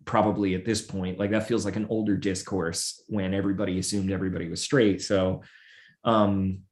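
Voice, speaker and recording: Lower-voiced man musing on air. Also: little pitch movement, a little mellow. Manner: musing, halting, many fillers and restarts. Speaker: podcast co-host. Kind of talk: casual chat.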